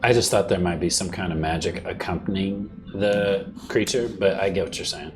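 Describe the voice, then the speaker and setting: A man's voice: sits low, moderate pace, over music. A man chatting casually as a player at a tabletop role-playing game.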